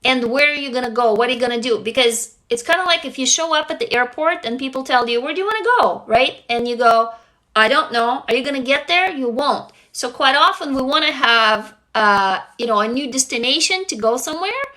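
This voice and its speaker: Animated and a little fast, this woman speaks in a high, bright voice with a forceful tone. A young native Russian speaker from Russia, she hosts a livestream, reads viewer comments aloud and talks in an earnest, blunt way, casually dropping swear words.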